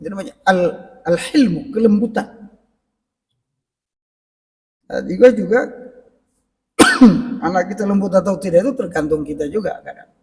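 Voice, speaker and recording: High-voiced preacher in an echoey mosque. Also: male voice, lively intonation, normal speed, long pauses. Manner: conversational, addresses the congregation directly. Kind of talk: mosque parenting lecture. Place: mosque hall. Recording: echoey mosque hall, mic at a distance.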